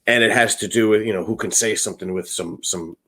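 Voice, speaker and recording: Laid-back joking guy on a board game podcast, lowish voice. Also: fairly even intonation, fast talker, bright, forceful tone, breathy edge, poor audio. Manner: easygoing, joking. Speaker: podcast co-host. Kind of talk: casual chat.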